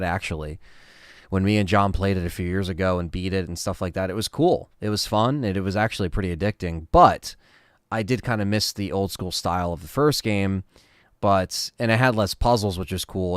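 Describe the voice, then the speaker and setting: A man hosting a casual livestream, answering chat questions in a relaxed, rambling way with lots of fillers. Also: low-pitched, clean tone, no echo, clean studio sound.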